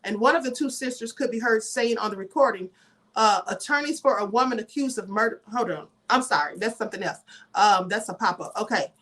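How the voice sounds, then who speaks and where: A woman's voice: mid-range voice, brisk, a bit bright. A woman hosting a live commentary stream, reading news aloud with emphatic, chatty asides.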